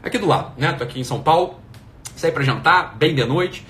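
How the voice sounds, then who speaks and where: A man's voice: fairly high pitch, expressive, a little fast, fairly bright tone, a little hiss or hum. A middle-aged man giving an emphatic, profane motivational talk, firing off rhetorical questions. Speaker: motivational speaker.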